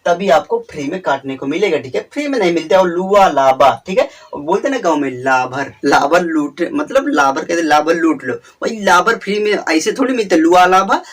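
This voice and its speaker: Male teacher, slightly high, repetitive drilling delivery, a bit off-mic. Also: lively intonation, a bit bright, breathy edge, distant mic. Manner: repetitive, drawn-out emphasis, frequent "theek hai". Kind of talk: exam memory-trick lesson.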